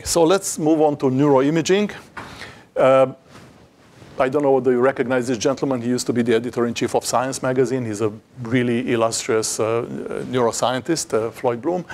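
A middle-aged man gives an academic seminar talk, standing before slides in a lecture hall. His voice sits in a plain middle range, and he works through his points haltingly, full of restarts and fillers, with a dry wit. He is picked up on a lapel mic. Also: mid-range voice, a little mellow. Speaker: invited seminar speaker.

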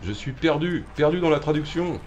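A man's voice: fairly high pitch, expressive, normal speed, darkish tone, dull audio, slight background noise. A man streaming a horror game, commentating live, swearing and taunting the enemy with mock drama.

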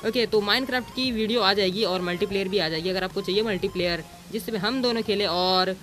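A man's voice: high voice, brisk, a bit bright, faint music behind. A man giving casual gameplay commentary as a gaming YouTuber, bossy and teasing, throwing in English exclamations.

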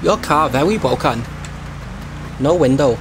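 A man doing a hapless delivery driver in a game roleplay, chopping his words into clipped, broken English. The voice is pitched up and bounces all over the place. Sirens and loud game noise run behind the voice chat. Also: animated, fairly quick. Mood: sheepish.

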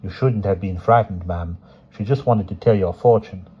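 A man voicing a respectful young woman who speaks softly and gently reproves or apologizes. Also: deep voice, moderate pace, breathy edge, lo-fi sound. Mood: gentle.

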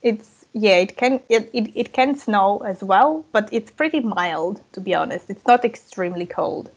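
Her voice is husky and mid-range, moving at a normal pace, and the audio quality is poor. She's a language coach in her thirties from southern Ukraine who grew up speaking both Russian and Ukrainian, talking informally as a guest on a podcast via video call from inside a room, through an earphone headset.

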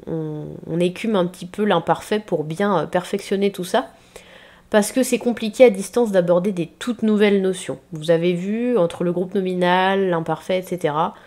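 A woman's voice: medium pitch, darkish tone. French schoolteacher woman correcting homework. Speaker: primary school teacher. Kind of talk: remote lesson correcting homework.

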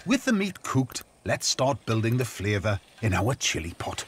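A cheerful middle-aged man from the UK narrates a cooking show in a conversational voice-over. His voice swoops widely in pitch, with clear background music beneath. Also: big pitch swings, moderate pace. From United Kingdom.

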